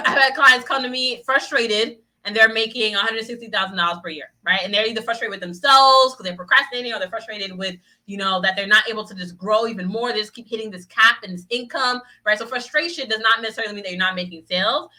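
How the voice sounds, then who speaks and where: Fast, bright-voiced woman business coach. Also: fairly high pitch, low-quality recording. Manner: upbeat, peppers sentences with "right?"; acts out little voices of clients. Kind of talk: motivational solo podcast talk.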